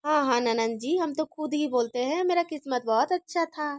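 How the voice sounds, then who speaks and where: A woman's voice: high voice, moderate pace, no echo, studio quality, natural voice. A woman voicing a chatty, earnest young daughter-in-law in a cartoon story.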